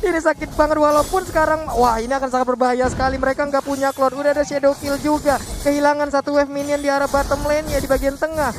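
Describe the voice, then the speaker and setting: A man's voice: very high-pitched, level tone, fast talker, few pauses, music in the background. A man with an Indonesian accent working as an esports caster, calling the match live play by play.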